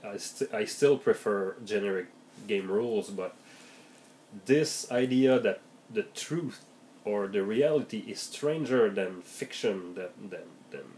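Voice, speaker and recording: Nursing a heavy cold that leaves his voice raspier and deeper than normal, a slow, low-voiced game master offers tips in a casual vlog monologue. He is hesitant and thoughtful, full of fillers and restarts. His tone is a little mellow, and there is a bit of hiss or hum.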